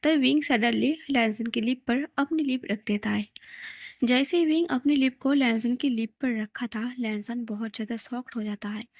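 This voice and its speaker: A woman's voice: a little high, moderate pace, a little mellow, dry recording. Woman narrating a story, dry close sound. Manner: plain, conversational retelling.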